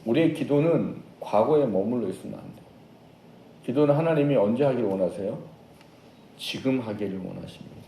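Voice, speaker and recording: Lively man preaching in an echoey church. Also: mid-range voice, fairly quick, creaky, slight background noise. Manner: lively storytelling, acts out quoted shouts. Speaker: pastor. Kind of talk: sermon. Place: church sanctuary.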